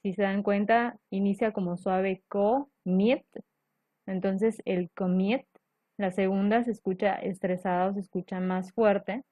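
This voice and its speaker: A woman's voice: medium pitch, steady tone, normal speed, few pauses, darkish tone, dry recording. A woman teacher explaining grammar rules step by step, patiently checking in with her students. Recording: dull lo-fi dry recording.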